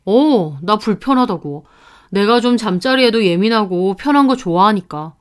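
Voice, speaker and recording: A woman voicing a touchy, quick-tempered young fiancé who turns defensive and shouts. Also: medium pitch, lively intonation, clean tone, natural voice.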